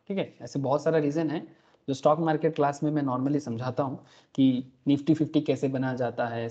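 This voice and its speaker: A man's voice: a little high, darkish tone. A man teaching an online class, explaining with rhetorical questions and checking that students follow. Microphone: computer mic on a recorded video call. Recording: dull lo-fi meeting recording.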